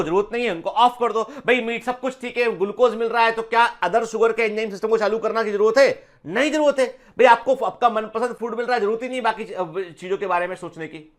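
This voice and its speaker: A man's voice: high-pitched, a bit bright. A man teaching biology in an online exam-prep lecture, chatty, mixing English phrases into his talk and telling personal stories.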